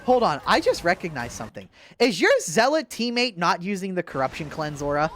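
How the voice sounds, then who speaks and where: A man's voice: sits high, sing-song, a little fast, a bit bright, slight background noise. A young man giving casual, sarcastic commentary while reviewing gameplay, exasperated and swearing.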